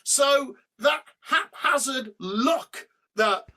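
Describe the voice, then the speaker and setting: A middle-aged man, a rock singer guest on a podcast, telling animated stories over a remote call. He swears freely and breaks into humming and sung snippets. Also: extremely high pitch, extremely slow. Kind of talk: storytelling in a podcast interview.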